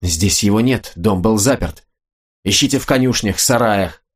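A man's voice: lowish voice, moderate pace, close to an everyday voice. A man voicing a proud, stern young noblewoman who speaks firmly and commandingly, in an audiobook. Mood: defiant.

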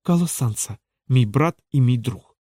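A man's voice: fairly high pitch, lively intonation, brisk, dry recording, studio quality, pitched above the performer's own voice, lightly acted. A man voicing a bloodied young male thief in a storybook fight, frantic and half-mad, his voice raised and strained. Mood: grieving.

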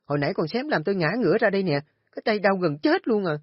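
A shrill, scornful young daughter-in-law, put on by a male storyteller, yelling taunts in a high, husky strained voice. The storybook recording is dull and lo-fi, with soft music underneath. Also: animated, moderate pace, no room sound. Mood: scornful shouting. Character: spiteful young woman, sharp-tongued shrewish daughter-in-law. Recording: dull lo-fi audio with faint music.

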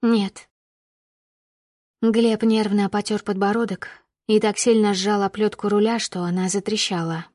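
A woman narrating a first-person audiobook with steady storytelling that rises with emotion in dialogue. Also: medium pitch, measured pace, dry recording, clean studio sound.

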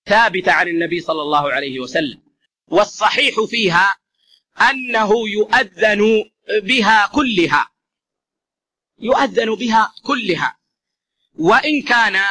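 His voice sits high with a bright, forceful tone as this religious teacher explains a lesson to listeners he calls brothers, repeating key phrases for emphasis.

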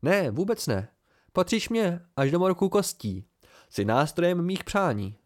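A man's voice: sits high, big pitch swings, dry recording, studio quality, voice pushed up. A man reading an amateur audiobook and voicing a charming, mercurial fey youth with a raised, eager voice and sudden intensity. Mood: fierce.

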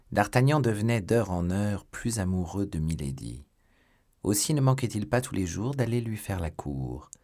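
A man narrating a classic novel as an audiobook. His voice is deep and husky, and his reading is measured and expressive.

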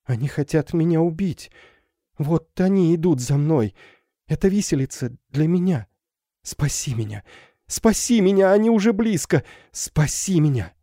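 A man voicing a gentle, frightened young woman who pleads softly in an audiobook. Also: mid-range voice, animated, normal speed, no room sound, clean studio sound, voice pushed up, close to an everyday voice. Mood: terrified. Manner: soft, pleading and breathless with fear. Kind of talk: audiobook character voice.

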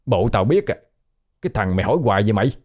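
A man's voice: on the low side, big pitch swings, racing, a little mellow. A man voicing a coarse, teasing male ghost who has haunted a house for a century, talking in blunt slang.

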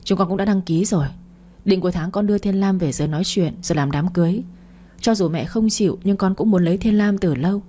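A gruff, curt grown man from a romance storybook, as a woman reader voices him. Lowish, dark-toned and husky, with clipped, blunt replies. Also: fast, close to an everyday voice. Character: gruff older man, curt but caring.

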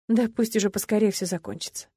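A woman's voice: mid-range voice, fairly even intonation, fast, mellow, breathy edge, no room sound, clean studio sound. A woman narrating a first-person audiobook in an intimate, emotional storytelling manner.

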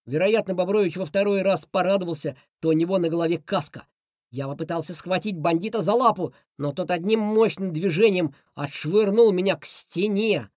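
A woman narrating a children's adventure audiobook in a lively, expressive way. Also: on the low side, fairly quick, dry recording, clean studio sound. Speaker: audiobook reader. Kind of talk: scripted storybook narration.

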